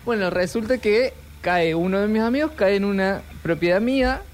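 A man's voice: high voice, normal speed. A man in his forties with an Argentine accent, telling a story in a casual chat, self-mocking. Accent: Argentine Spanish. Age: 40s.

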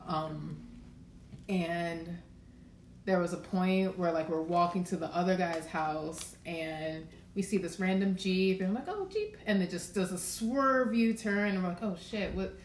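A woman's voice: on the low side, fairly even intonation, a little slow. A woman from Maryland, a podcast guest, telling stories in a laid-back way full of filler words. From Maryland, USA. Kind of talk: casual podcast chat. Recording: roomy echo, faint background noise.

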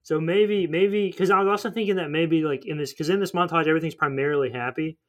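Higher-voiced man in rambling casual chat. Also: fast. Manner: rambling, thinks aloud with many fillers. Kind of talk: casual chat about a movie.

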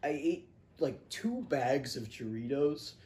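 A man's voice: a little high, moderate pace, slight background noise. A young man co-hosting a casual comedy podcast, telling childhood stories and giggling as he talks. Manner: animated storyteller, giggles mid-sentence. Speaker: podcast co-host.

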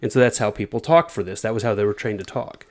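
A man presenting a little research to friends in a casual group chat, relaxed and halting, with many fillers and restarts. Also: on the low side.

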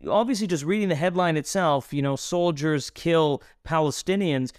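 A man hosting an interview podcast, asking questions with frequent pauses and restarts. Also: on the high side, dry recording, clean studio sound. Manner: halting, many fillers and restarts. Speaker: podcast host.

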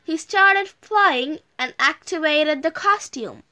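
A woman reading a children's story aloud in an animated, sing-song manner. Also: sits high, slow.

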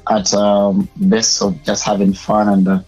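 A man's voice: on the low side, completely flat delivery, a little slow, a little mellow, lo-fi sound, faint music behind. A young Ugandan man with a Ugandan English accent, a media personality and public speaker, answering interview questions in a hesitant way with many filler sounds. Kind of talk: casual interview.

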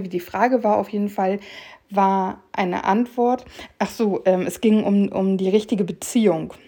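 A young woman hosts her own podcast, chatting casually in a solo episode and rambling with fillers and restarts. Her voice is medium in pitch and a little mellow.

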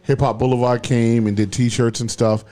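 A man hosting a casual talk show in a studio, playful and sing-song, giving shout-outs. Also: mid-range voice, flat delivery, moderate pace. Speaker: host.

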